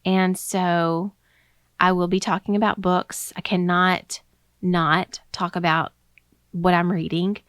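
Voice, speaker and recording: A young woman talks through a casual solo podcast, her voice sitting a little low for a woman. She sounds slightly out of breath and rambles, filling pauses with ums and restarting her sentences. The recording is dry and close. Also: flat delivery, fairly bright tone, no room sound. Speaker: podcast host.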